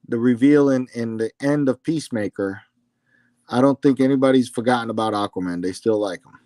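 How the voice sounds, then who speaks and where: A man's voice: mid-range voice, brisk, dark tone, no room sound. A man co-hosting a casual fan chat, opinionated and emphatic as he talks about comics and casting. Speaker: podcast co-host.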